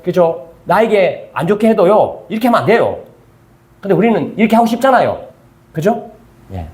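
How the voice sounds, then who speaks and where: An older male pastor with a Gyeongsang accent preaches a Bible study sermon in a church. His voice sits high for a man and swings widely in pitch, and he keeps prodding his listeners with quick rhetorical check-ins. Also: darkish tone. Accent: Gyeongsang Korean. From Gyeongsang region, South Korea.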